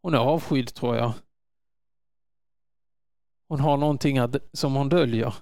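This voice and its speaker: A man preaching a sermon in an earnest manner, rising to loud calls when quoting. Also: medium pitch, vocal fry, clean tone, dry recording, clean studio sound.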